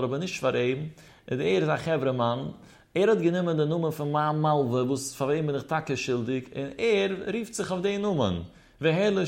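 A man teaching a religious text, reading short phrases and then explaining them with a chanting, rising-and-falling lilt. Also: medium pitch. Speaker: Talmud teacher.

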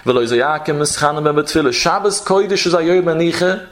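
A man teaching a traditional Talmudic lecture in a sing-song study chant. His voice sits somewhat higher than most men's as he moves between reading Hebrew passages and explaining them. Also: lively intonation, a little fast. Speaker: Torah teacher.

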